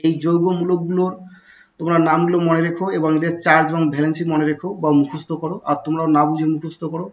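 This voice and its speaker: Man, chemistry tutor, slightly high voice, patient step-by-step explaining, dull lo-fi recording. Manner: explains step by step, repeats key terms, many restarts. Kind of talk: recorded online tutorial lecture.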